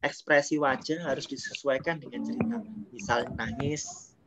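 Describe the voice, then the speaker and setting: A man's voice: medium pitch, animated, moderate pace. A male primary school teacher, recording a remote lesson, reading text and then explaining it in Indonesian. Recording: muffled, noisy home recording.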